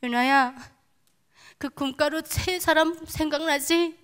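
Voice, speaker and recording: A woman voicing a gentle, fatherly God during a testimony, speaking slowly and tenderly. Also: high-pitched, pitched above the performer's own voice.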